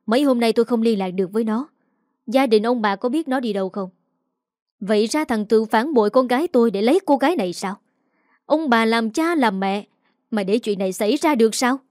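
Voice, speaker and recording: A woman voicing a calm, stern older father who questions in a measured way. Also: on the high side, no echo, clean studio sound, natural voice.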